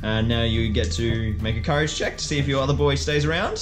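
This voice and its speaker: A fast-talking man with a medium-pitched voice hosts and plays a tabletop wargame on video, giving casual play-by-play. He jokes, mocks himself, and exclaims at his dice rolls, with music playing behind him.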